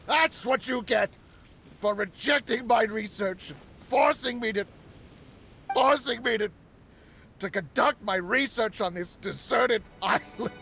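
A man's voice: very high-pitched, slow, gravelly, long pauses, pushed and bright, heavily acted. An actor playing a crazed middle-aged male researcher who cackles and whimpers in a game cutscene. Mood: manic glee. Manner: manic cackling, whimpering outbursts.

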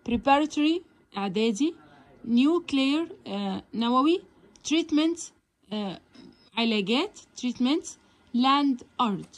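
A woman with an Egyptian Arabic accent teaching English vocabulary, sounding out words slowly and coaxing her students along. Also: sits high, lively intonation. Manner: slow, drawn-out pronunciation of English words; encouraging, addresses students directly. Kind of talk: vocabulary lesson.

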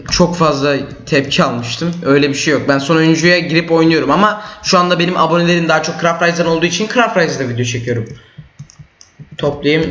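A teenage boy commentating his own gameplay, excitable, yelling and trash-talking at opponents. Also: fairly high pitch. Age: teens. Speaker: gaming YouTuber. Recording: roomy, dull lo-fi mic.

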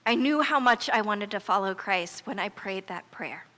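Here a middle-aged American woman pastor preaches at medium pitch and normal speed, her tone animated, bright, and forceful. She speaks to a congregation in a church sanctuary, emphatic and earnest, telling stories conversationally, and the recording has the reverb of a church hall.

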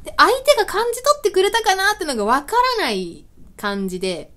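A woman's voice: very high-pitched, wildly swooping pitch, brisk, pushed and bright. A woman hosting a web radio show, chatting casually on her own and acting out small everyday scenes with self-mocking laughs. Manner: laughs often between lines. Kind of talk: casual solo talk.

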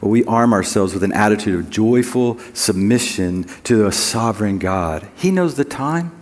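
A man preaching a sermon as pastor, conversational with joking asides, and reading scripture slowly and deliberately. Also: on the low side, animated, a little mellow, in a large hall, a little hiss or hum.

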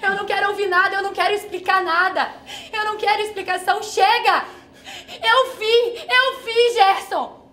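A woman's voice: extremely high pitch, steady tone, moderate pace, bright, forceful tone. An actress playing a betrayed young woman, spitting bitter accusations. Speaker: actress in a drama exercise. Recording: echoey room with light noise.

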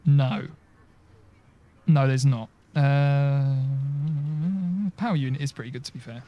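A man's voice: mid-range voice, steady tone, takes it slowly, lo-fi sound. A young man commentating live over a racing game, chatty and bantering with the game voices. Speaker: gaming streamer.

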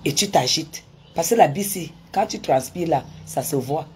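A woman's voice: low voice, animated, measured pace, darkish tone, a little hiss or hum. A woman telling viewers a personal story in a dramatic, emphatic way, with many restarts and repetitions. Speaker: vlogger recounting a personal dispute.

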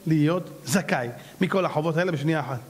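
A man's voice: a little high, husky, long reverb tail. A man voicing a shrewd friend who gives persuasive advice in a confiding tone.

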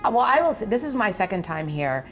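A woman's voice: mid-range voice, very animated, fast, faint music behind. A middle-aged businesswoman speaking confidently and persuasively in an interview at a restaurant bar, on a lapel mic. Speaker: business leader. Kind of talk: promotional interview talk. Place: upscale restaurant bar indoors.

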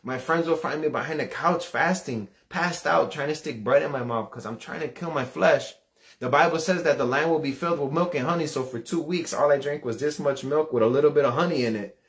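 A man's voice: a little high, a little fast, a bit bright. Earnest man in his thirties giving fervent testimony. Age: 30s. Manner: earnest and fervent, repeating words and voice rising when retelling. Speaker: preacher sharing testimony. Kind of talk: impassioned personal testimony.

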